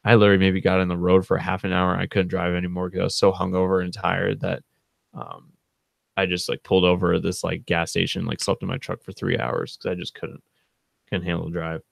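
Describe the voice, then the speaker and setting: A man's voice: sits low, monotone, fairly quick, gravelly, dry recording, clean studio sound. A man hosting his channel, telling a casual, rambling story to camera with lots of fillers and self-corrections. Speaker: channel host.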